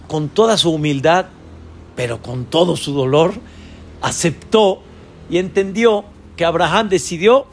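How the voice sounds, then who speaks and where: Gravelly-voiced rabbi giving a lesson. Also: male voice, a little hiss or hum. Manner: asks the listeners many rhetorical questions; voices quoted figures with sudden high pitch. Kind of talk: Torah lesson in Spanish.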